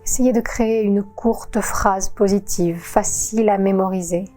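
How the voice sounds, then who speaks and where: A woman yoga teacher guiding a relaxation session in a calm, soothing voice-over with long pauses. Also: mid-range voice, soft background music. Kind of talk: guided relaxation narration.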